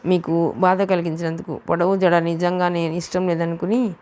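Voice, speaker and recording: A woman's voice: lowish voice, flat delivery, moderate pace, darkish tone, natural voice. A woman voicing a shy, childlike young woman in an audiobook novel, speaking meekly and pleading. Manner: meek, pleading.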